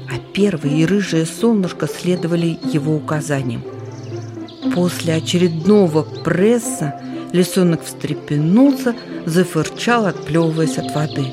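A storyteller reading a children's animal tale aloud, lively and shifting voices for characters. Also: medium pitch, a little slow, over music. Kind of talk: storybook narration.

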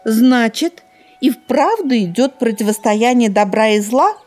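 Excitable accusing magpie for a storybook, read by a woman; high, lively swings. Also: a little slow. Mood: indignant. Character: fussy nosy female magpie, accusing.

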